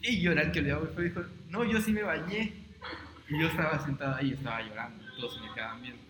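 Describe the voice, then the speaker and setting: A young man tells a long personal story in a relaxed podcast chat. He rambles and stumbles, repeating words as he goes. His voice sits in a middle register, in an echoing room with steady background noise. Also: medium pitch, very fast. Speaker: podcast co-host. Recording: roomy echo, noisy background.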